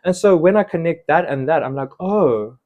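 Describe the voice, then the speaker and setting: A man's voice: fairly high pitch, fast, narrow, tinny audio. A young man from South Africa, telling stories as an interview guest and acting out what others said. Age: young adult. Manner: animated, quotes others in little acted lines. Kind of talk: casual storytelling interview.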